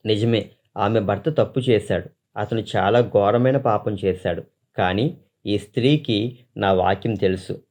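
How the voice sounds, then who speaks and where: Male pastor with a low voice, reading a testimony in an earnest, solemn sermon style. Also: darkish tone.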